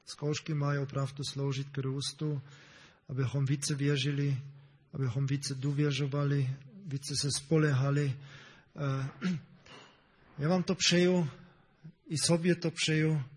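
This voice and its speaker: A man preaching a sermon in a relaxed, conversational way, with many fillers and restarts, often checking in with his listeners. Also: a little high, long pauses, breathy edge, long reverb tail. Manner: asks the congregation "ne?".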